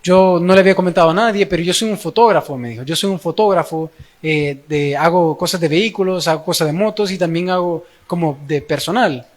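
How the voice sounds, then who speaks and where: Young Salvadoran preacher, fairly high voice, tells a camp story casually with acted-out dialogue. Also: male voice, fairly quick. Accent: Salvadoran Spanish. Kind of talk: personal testimony in a sermon.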